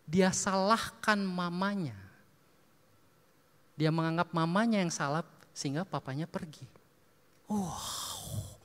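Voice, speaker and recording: A male preacher telling stories in a sermon, lively, acting out dialogue and laughing often. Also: sits high, slow pace, long pauses. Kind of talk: sermon storytelling. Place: church hall. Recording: long reverb of a church hall.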